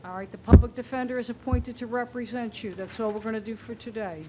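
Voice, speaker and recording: A woman's voice: fairly high pitch, fairly even intonation, fast talker. A woman presiding as judge, reading charges and setting bond in a firm, businesslike way, heard on a courtroom recording. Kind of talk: formal court hearing. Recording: courtroom recording with faint noise.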